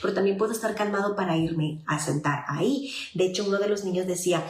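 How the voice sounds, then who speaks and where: A woman's voice: medium pitch, quick pace. Woman psychologist in a roomy space. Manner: explanatory, conversational, often checks in with listeners. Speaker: child psychologist. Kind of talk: advice talk to parents. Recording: roomy echo.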